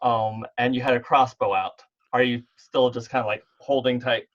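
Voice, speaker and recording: Acting as game master for a tabletop game over an online call, a man narrates while thinking aloud in a laid-back way. His mid-range voice is fairly bright with fairly even intonation and a moderate pace, heard through dull, lo-fi call audio.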